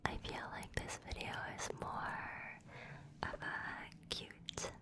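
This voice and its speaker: A young adult woman doing ASMR, whispering softly very close to the microphone, with kissing noises between phrases. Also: slow pace. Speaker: ASMR host. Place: small indoor room at home. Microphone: two studio microphones, very close.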